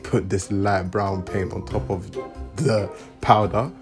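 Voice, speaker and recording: Low-voiced man over music. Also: steady tone, slow pace. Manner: casual, repetitive, playful. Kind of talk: mock makeup tutorial voice-over. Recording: background music.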